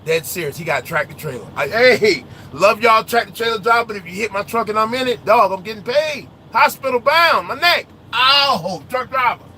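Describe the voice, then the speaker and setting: A truck driver vlogger with a high, bright voice rants loudly from his cab while driving, talking in a slangy, animated way and often raising his voice. He speaks at normal speed with few pauses, and a faint hum of road noise sits in the background.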